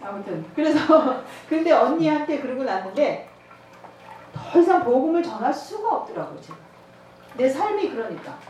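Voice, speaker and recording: A woman preaches in a church, telling a story and acting out dialogue with lots of laughter. Her voice is fairly high and swings widely in pitch. The recording echoes heavily and is picked up from a distance, with faint noise behind it. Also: very animated, moderate pace, a little mellow. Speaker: evangelism trainer. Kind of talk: sermon with personal testimony.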